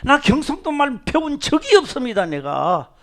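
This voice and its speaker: A middle-aged male pastor with a Gyeongsang Korean accent preaching a sermon, moving between loud exclamations and low, hushed asides. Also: sing-song, moderate pace.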